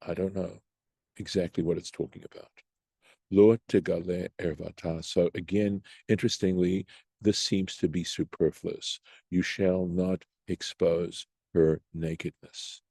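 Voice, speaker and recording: A man's voice: dark tone, no echo, studio quality. A man teaching a Torah study class on a video call, reading Hebrew phrases and translating them as he thinks aloud. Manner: rises in pitch when voicing the Talmud's questions. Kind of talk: online text study class.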